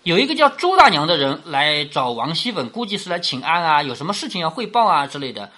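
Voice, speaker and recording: Woman storyteller, lively intonation, bright slightly husky voice, chatty explainer. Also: low voice, fast talker. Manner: chatty, rhetorical questions, laughs while explaining. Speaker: storyteller explaining a classic novel.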